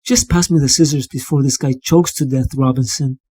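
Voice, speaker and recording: A man's voice: mid-range voice, steady tone, fairly quick, mellow, husky, no echo, natural voice. A man voicing a brusque, impatient surgeon who barks orders and snipes sarcastically. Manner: barking, sarcastic.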